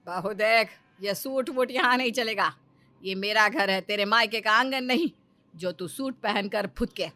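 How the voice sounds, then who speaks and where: A woman voicing a bossy, sharp-tongued middle-aged mother-in-law in a cartoon story, scolding and taunting. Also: medium pitch, a little slow, no room sound.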